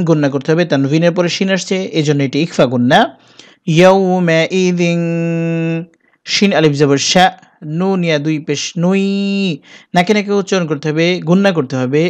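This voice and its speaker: A man teaching Quran reading, methodically spelling out letters and vowel marks, then chanting whole words slowly and drawn out. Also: on the high side, a little mellow. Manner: patient, methodical instructions in between.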